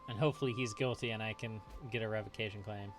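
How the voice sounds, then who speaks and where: A man's voice: lowish voice, steady tone, fast, music in the background. A man hosting a let's play, chatting casually and reading game text aloud as he plays, often chuckling. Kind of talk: casual gameplay commentary.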